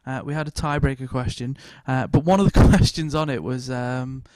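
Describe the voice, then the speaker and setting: A man's voice: mid-range voice, fairly even intonation, normal speed, a little mellow, dry recording. A man hosting a podcast, telling jokey, rambling anecdotes in casual chat. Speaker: podcast host.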